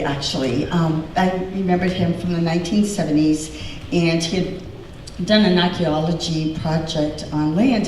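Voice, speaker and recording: Her voice fairly low and loud, a diver serving as event host talks casually to an audience, rambling and leaning heavily on fillers. It takes place in a big echoey hall, captured from afar with faint noise in the recording.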